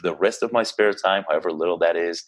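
This man talks fast in a low voice, an Israeli basketball coach in his thirties on a podcast. The casual interview chat is earnest and talkative, with frequent restarts and filler words.

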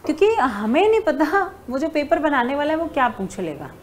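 A woman's voice: sits high, big pitch swings, fairly quick, a little hiss or hum. A woman teacher giving an exam-prep lesson, talking to her students fondly as she writes on a board. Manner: addresses students as "beta", writing on a board while talking. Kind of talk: online exam-prep lecture.

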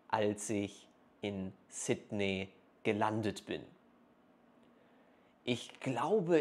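A man in his thirties talks straight to camera in a small room, his voice close and clean through a clip-on mic. He speaks at an extremely slow, deliberate pace, shaping each phrase carefully for learners and pausing between short chunks. His pitch sits in an ordinary middle register. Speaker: German teacher vlogger. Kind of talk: slow, clear speech for learners. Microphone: clip-on lapel mic.

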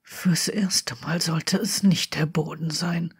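A reader voicing a forty-something male wizard in whispered role-play, husky and breathy, soft and coaxing. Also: high voice, measured pace, exaggerated voice. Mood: tender. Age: 40s.

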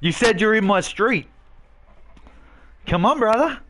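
Brash swearing male streamer, lively pitch. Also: measured pace. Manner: brash trash-talking, swearing, mocking. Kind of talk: live game stream chatter.

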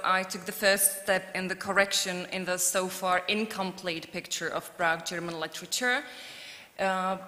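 A woman's voice: lowish voice, sharp tone. A woman in her thirties giving a short academic award speech at a lectern, nervous and apologetic, often breaking into laughter. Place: large formal hall at a lectern. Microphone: lectern microphone. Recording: long hall reverb.

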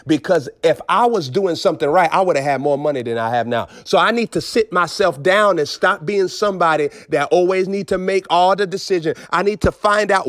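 A man preaching with emphatic swings between low intensity and raised outbursts. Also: no room sound, clean studio sound. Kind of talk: preaching on a phone broadcast.

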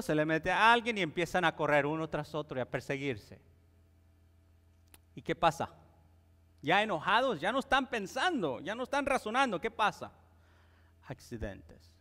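A man's voice: high-pitched, pushed and bright. A man preaching a sermon in a church, talking conversationally and often checking in with the congregation. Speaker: pastor. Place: church sanctuary. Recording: long church reverb.

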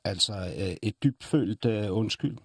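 Husky-voiced man probing like a therapist. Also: fairly low pitch, dry recording, studio quality. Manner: persistent, presses with follow-up questions. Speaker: host acting as therapist. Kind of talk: probing conversational questioning.

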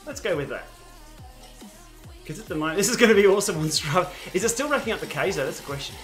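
A man's voice: high voice, fast, soft background music. Breathless Australian man riding and chatting. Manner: breathless, excitable bursts and shouts of encouragement. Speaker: cycling channel host. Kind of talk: live-streamed indoor ride commentary.

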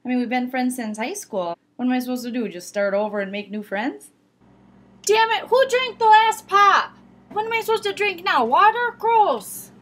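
A middle-aged woman with a Minnesota accent playing a chatty, opinionated Minnesotan in a casual comedy sketch, folksy and deadpan. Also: on the high side, fast talker, hardly any pauses, close to an everyday voice. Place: rooms at home, indoors.

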